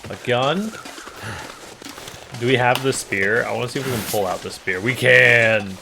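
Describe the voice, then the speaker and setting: A man's voice: mid-range voice, moderate pace, creaky, background noise. A man giving casual, rambling commentary while playing a video game, joking and talking to the screen. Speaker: let's play host.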